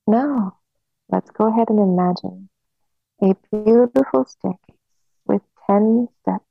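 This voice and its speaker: A woman with vocal fry and a medium-pitched voice leads a slow, soothing hypnosis relaxation full of long pauses, just as a hypnotist would. There's no room sound, and the recording is narrow like a phone line.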